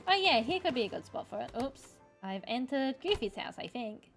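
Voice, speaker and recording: A woman's voice: sits high, very animated, a little fast, fairly bright tone. An Australian woman doing casual livestream commentary while she plays a game. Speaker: livestreamer, VTuber. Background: music.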